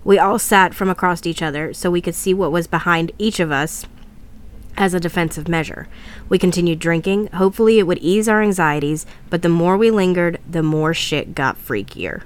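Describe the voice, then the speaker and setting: A woman hosting a podcast, reading a horror story in a measured way, slowing for suspense. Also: on the low side, smooth. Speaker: podcast host.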